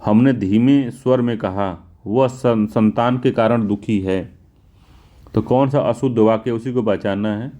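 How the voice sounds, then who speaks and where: A man with a North Indian Hindi accent going through exam questions as a teacher, repeating key words slowly for emphasis. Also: lowish voice, warm tone. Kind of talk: explaining test answers.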